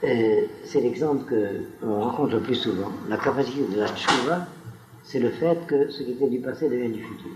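A man's voice: mid-range voice, normal speed. Digressive male lecturer in an echoey room. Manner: digressive, often turns to the audience with questions. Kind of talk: spoken lecture to a live audience.

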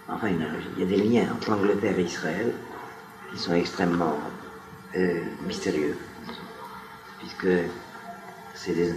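A man giving a spoken lecture to a live audience, wandering into digressions and often turning to the listeners with questions. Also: deep voice. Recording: echoey room recording.

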